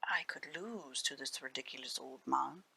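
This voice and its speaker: A woman's voice: rumbling low, moderate pace, vocal fry, bright, forceful tone, breathy edge, pitched below the performer's own voice, full character voice. A woman voicing a boastful, greedy young male village harpist in a storybook, sneering and self-important. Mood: sly.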